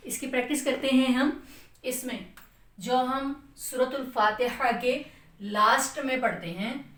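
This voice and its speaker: A woman's voice: high voice, fairly bright tone, distant mic. Echoey Pakistani woman teaching recitation. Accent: Pakistani Urdu. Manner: patient, repeats "theek hai" to check understanding; drawn-out chanted demonstrations of letter sounds. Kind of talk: tajweed lesson explaining letter articulation.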